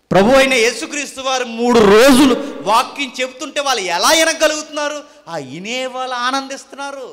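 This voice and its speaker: A man's voice: very high-pitched, a bit bright. A man preaching a fiery sermon, scolding and firing rhetorical questions at his congregation. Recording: long hall reverb.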